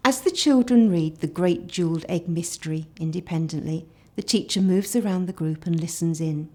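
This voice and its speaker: A woman narrating a teacher training video in a calm, measured scripted read. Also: lowish voice.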